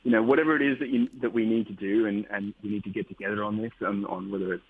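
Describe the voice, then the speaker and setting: A man talks upbeat and rambling, circling back over his words as he answers questions. His voice sits a bit low and comes through a tinny phone line. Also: fairly even intonation, quick pace, slightly rough. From Australia. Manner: rambling, upbeat, many restarts. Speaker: musician guest. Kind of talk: casual interview over the phone.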